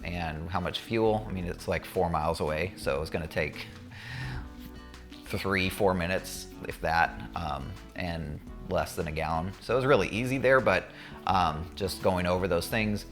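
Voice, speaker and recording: A man with a low, deep voice recounts his experience in a casual storytelling style. He speaks candidly and conversationally, as if to viewers, with faint music in the background. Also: measured pace, fairly bright tone. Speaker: student pilot recounting a checkride.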